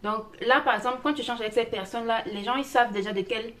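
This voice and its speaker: A woman's voice: on the high side, fast, a bit bright, slight background noise. A woman vlogger chatting casually and animatedly, speaking straight to her viewers about a trip. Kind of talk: casual travel vlog.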